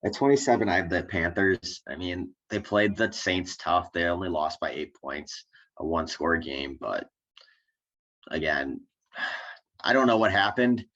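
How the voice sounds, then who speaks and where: A man's voice: low voice, expressive, unhurried, pauses often, bright, forceful tone. A young man co-hosting a podcast, chatting hesitantly about sports, often restarting with "I think" and "I mean.". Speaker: podcast co-host. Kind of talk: casual sports chat. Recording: dull lo-fi sound.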